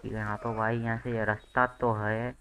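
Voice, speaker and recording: A man's voice: fairly low pitch, level tone, fairly quick, slight background noise, low-quality recording. A young man, casually commenting on his gameplay and chatting to viewers as "bhai". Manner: chatty, addresses viewers as bhai, shouts when the game goes wrong. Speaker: gaming channel host.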